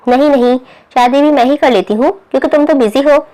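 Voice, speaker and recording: A woman's voice: on the high side, normal speed, a little mellow, natural voice. A woman voicing a bossy, sarcastic middle-aged mother.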